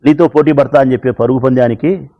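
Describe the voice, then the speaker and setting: A man's voice: medium pitch, fairly even intonation, fast, dark tone, lo-fi sound, natural voice. A man voicing a clever male fox in a spoken fable, offering to referee and then questioning the lion. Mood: officious. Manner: shrewd, questioning.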